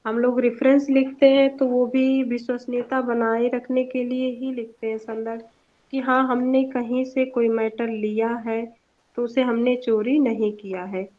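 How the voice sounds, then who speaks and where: A young woman giving a student presentation in an online class, explaining points with examples and a few hesitant fillers. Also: on the high side. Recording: dull lo-fi online class audio.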